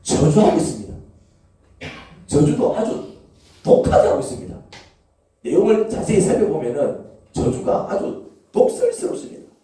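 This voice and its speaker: Echoey preaching pastor, lively pitch. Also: male voice, normal speed, long pauses. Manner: rhetorical questions to the congregation. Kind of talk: sermon. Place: church sanctuary. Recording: echoey church hall, from far off.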